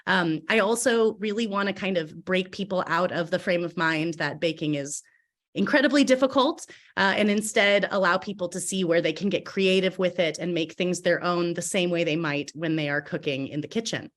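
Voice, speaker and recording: A woman in her thirties, a baker and food writer, introducing herself in a chatty, bubbly way with frequent fillers. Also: on the low side. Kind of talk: casual introduction on a video panel.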